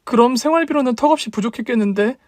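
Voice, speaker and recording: A man's voice: very high voice, fast talker, no room sound, clean studio sound, pitched above the performer's own voice. A man voicing a hurt young woman, the younger sister and a new mother, in a radio drama reading, talking with earnest, wounded questions. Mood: weary.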